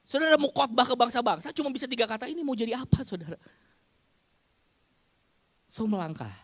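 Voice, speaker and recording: A male pastor preaching a sermon to his congregation, asking them questions and acting out their shouted amens. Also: extremely high pitch, lively intonation, brisk, no room sound. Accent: Indonesian. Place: church congregation.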